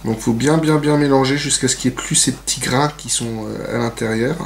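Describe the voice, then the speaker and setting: A man with a medium-pitched voice and some vocal fry talks fairly quickly while demonstrating nail art in a casual tutorial. Chatty and self-mocking, he keeps saying "donc" among many fillers. A little hiss or hum sits under the recording.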